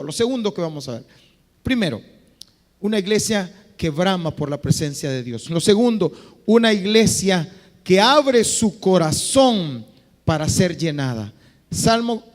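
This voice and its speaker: A man, a pastor, preaching an impassioned sermon, moving between loud exhortation and quiet, drawn-out phrases. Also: high-pitched. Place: church hall. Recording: reverberant church hall.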